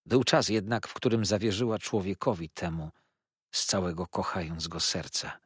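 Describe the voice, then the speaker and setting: A man's voice: low voice, steady tone, normal speed, fairly bright tone, breathy edge, no echo, studio quality. A man reading an audiobook, voicing a proud, wounded older aunt who speaks in a dignified, reproachful way. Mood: grave.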